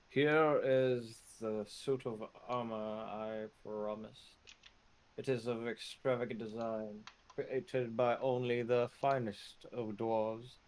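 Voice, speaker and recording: A man voicing a deadpan, boastful, dignified armor merchant in a slow, formal monotone for a tabletop game. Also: medium pitch, a little hiss or hum, lightly acted, poor audio. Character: deadpan, dignified, boastful male shopkeeper selling fine armor. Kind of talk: in-character tabletop role-play.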